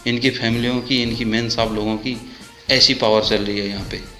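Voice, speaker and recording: Indignant soldier, echoey room. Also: male voice, fairly low pitch, steady tone, normal speed, pushed and bright. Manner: indignant, hammering rhetorical questions. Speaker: soldier speaking out. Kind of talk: impassioned protest monologue. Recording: echoey room with faint music.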